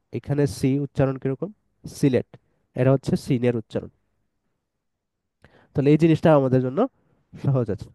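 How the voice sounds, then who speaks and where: A man teaching an online tajweed lesson, explaining letter sounds patiently step by step and reciting verses slowly. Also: mid-range voice, dark tone, dry recording, rough recording.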